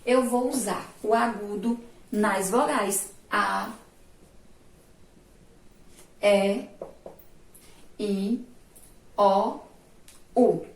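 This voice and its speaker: A woman with a Brazilian Portuguese accent teaching a remote class, asking her pupils questions and answering them herself, sounding out syllables slowly and loudly. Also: medium pitch, recorded from a distance. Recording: roomy echo, voice from off mic.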